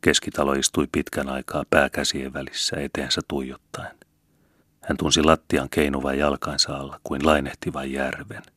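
A man reading a novel aloud as audiobook narrator, measured and steady, on a close mic. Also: extremely low pitch, slightly rough, no room sound. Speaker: audiobook reader. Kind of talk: scripted narration.

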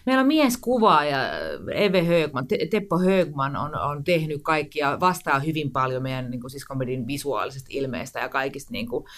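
A woman's voice: low voice, hardly any pauses. Chatty guest, woman in her forties, casual interview talk, many fillers and false starts. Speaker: guest, screenwriter and director.

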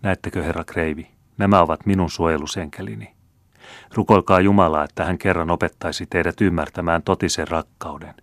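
A man's voice: deep voice, fairly even intonation, no room sound, clean studio sound. A man reading the lines of a wise, dutiful young woman in an audiobook, in a grave, pleading way.

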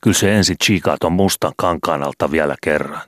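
A man's voice: very deep voice, a bit bright, no room sound, clean studio sound. A sturdy street boy argues bluntly in slang, his voice only a little raised, as a man reads him aloud. This is a reading of an old storybook. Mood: stubborn.

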